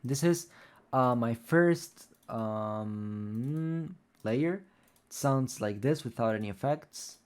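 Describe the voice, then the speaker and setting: This young music producer, a native Spanish speaker, goes slowly through a tutorial in an expressive, darkish mid-range voice. His delivery is loose and rambling, full of "like" and "um."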